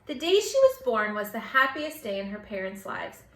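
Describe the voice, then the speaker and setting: A woman reading a children's story aloud in an expressive, theatrical way, drawing out words for effect. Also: a little high, slight background noise. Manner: theatrical, with drawn-out words and changing character voices. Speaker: storybook reader. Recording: roomy echo, distant microphone.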